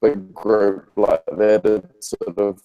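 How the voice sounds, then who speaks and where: A man's voice: on the low side, level tone, takes it slowly, mellow. A man on a crackly, fading call line. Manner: hesitant, many fillers and restarts. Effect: call line breaking up and fading in and out. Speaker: interviewee, hospitality software founder. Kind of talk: casual remote interview. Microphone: remote call line.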